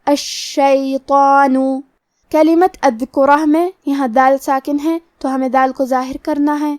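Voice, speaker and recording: A woman with a high voice teaches Quran recitation, explaining each rule methodically, word by word. The sound is dry and close, with no room echo. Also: steady tone, darkish tone. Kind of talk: tajweed lesson.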